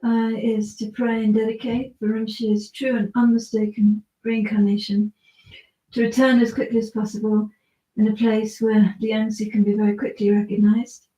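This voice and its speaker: A woman leading a Buddhist practice, speaking earnestly and in a measured way, softly announcing and reading prayers aloud inside an echoey cave. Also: medium pitch, lo-fi sound. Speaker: leader of a Buddhist practice session. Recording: echoey cave, distant mic.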